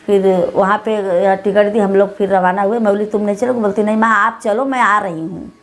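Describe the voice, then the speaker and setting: In an emotional testimony interview, the deceased's mother, a middle-aged woman, speaks with a Bhojpuri-tinged Hindi accent. Her voice sits in the mid range, fairly even in intonation and moderate in pace. She wanders and repeats herself, acting out others' words to her.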